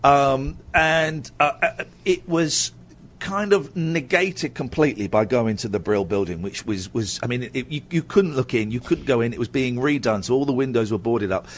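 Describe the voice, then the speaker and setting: Speaking at a normal speed in a mid-range voice, this middle-aged man hosts a radio show and chats casually with a caller. He rambles, pokes fun at himself, and keeps starting over, with a bit of hiss or hum in the sound.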